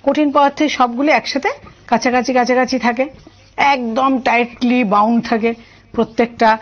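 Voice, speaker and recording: A woman with a Bengali accent teaching an online science class, asking students questions and explaining step by step. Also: a little high. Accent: Bengali, from Tripura. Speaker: science tutor. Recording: muffled lo-fi audio.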